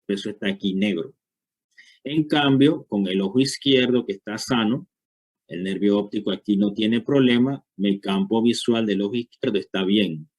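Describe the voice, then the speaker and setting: A man's voice: on the low side, normal speed, a little mellow. A man giving a university lecture, explaining step by step and checking understanding with frequent short questions.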